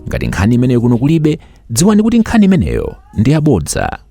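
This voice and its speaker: A man announces a scripted channel intro quickly, with a gravelly, mellow voice and very animated pitch. Faint music plays behind him.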